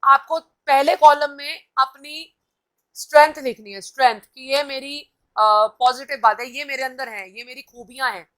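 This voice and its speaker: A woman's voice: sits high, moderate pace, bright, forceful tone. A woman host giving a live-stream motivational talk, coaching viewers directly and reading out their comments. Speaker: TV anchor and host.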